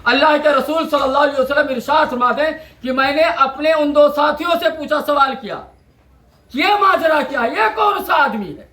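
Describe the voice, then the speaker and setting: Guy giving friday sermon, quite high voice, echoey mosque hall. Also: pushed and bright. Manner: rhythmic, repeats phrases, quotes Arabic verses. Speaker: preacher.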